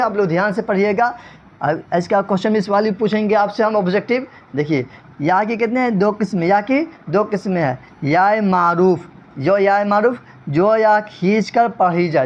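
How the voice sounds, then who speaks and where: A man's voice: high voice, a little mellow. A male teacher giving an online grammar lesson, repeating each point and often checking whether students understood. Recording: dull lo-fi recording.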